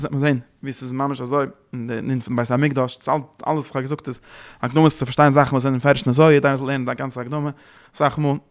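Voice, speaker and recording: A man giving a religious teaching in a lively, rambling way, mixing in Yiddish and English words. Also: a little high. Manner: lively, mixes Yiddish and English into his talk.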